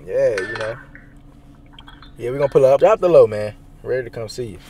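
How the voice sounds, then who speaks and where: A man's voice: medium pitch, expressive, brisk, mellow. A young man vlogging on a handheld phone camera, with laid-back, slangy banter. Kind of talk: casual vlog chat. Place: out and about in a city, then a casino.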